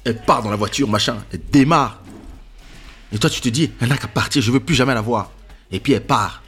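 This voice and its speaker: A man in casual chat, telling a story with animated delivery and acting out quotes in a high voice. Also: a little fast, breathy edge, soft background music. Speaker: podcast host.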